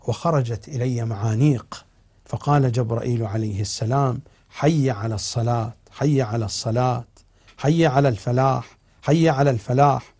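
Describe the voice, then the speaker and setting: A man speaking as a cleric in a TV religious lecture, reciting old narrations and then explaining them slowly and with emphasis. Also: medium pitch, warm tone, husky. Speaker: cleric teaching on TV. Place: television studio.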